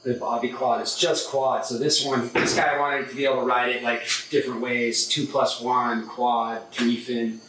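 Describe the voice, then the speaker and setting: A middle-aged surfboard shaper from San Diego, California, reviews a board in his indoor workshop, rambling loosely with many fillers and restarts. His medium-pitched voice is level and a bit bright at normal speed, with hardly any pauses. A camera mic a few meters away picks him up in an echoey room with faint noise.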